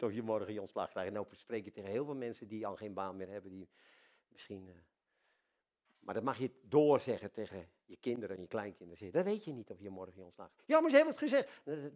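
An older man preaching a sermon, talking to God as his dad, swinging from soft intimate asides to loud excited exclamations. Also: lowish voice. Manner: addresses God casually as dad.

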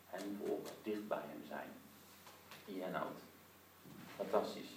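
Lively male preacher in an echoey room. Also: deep voice, slow pace, creaky. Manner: lively storytelling with many rhetorical asides. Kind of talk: sermon with prayer for listeners at home. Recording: roomy echo, distant mic, faint noise.

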